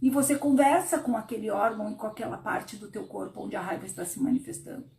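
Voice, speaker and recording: A woman therapist, hosting a casual spiritual live stream, who talks in an animated way and acts out inner voices in a low murmur. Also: fast talker, vocal fry, echoey room.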